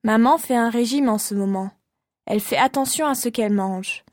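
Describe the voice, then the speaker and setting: A woman's voice: fairly high pitch, normal speed, dry recording, studio quality, natural voice. A woman playing a chatty young family member in a scripted language-course dialogue.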